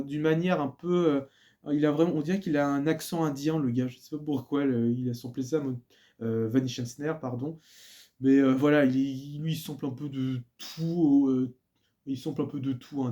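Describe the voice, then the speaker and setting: Showing off his purchased records and books, a man talks casually on video in a warm, medium-pitched voice, his speech full of fillers and restarts.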